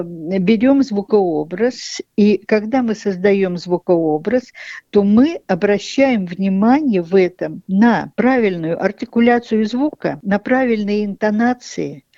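A woman being interviewed, calmly explaining her teaching method in a measured, thoughtful way with small hesitations. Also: mid-range voice, dry recording, lo-fi sound. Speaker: interviewed educator, author of a children's speech method.

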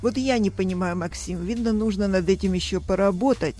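A woman's voice: mid-range voice, fairly quick, mellow. A woman hosting a scripted mock interview. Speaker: host. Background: music.

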